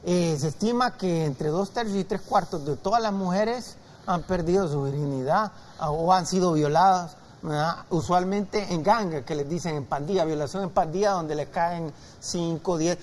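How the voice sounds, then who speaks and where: Male pundit, halting delivery full of fillers, faint noise behind. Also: sits high, a little mellow. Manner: hesitant, many fillers and restarts. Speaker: guest analyst. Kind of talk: casual TV talk show discussion. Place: TV studio.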